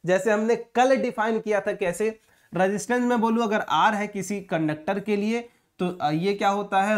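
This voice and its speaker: A male physics teacher giving an online exam-prep lesson, casually calling students brother and asking rhetorical check-in questions as he explains. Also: sits high. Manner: mixes English terms into Hindi explanation.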